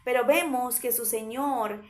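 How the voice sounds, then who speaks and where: Earnest woman preaching a sermon. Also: a little high. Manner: earnest, with restarts and pauses.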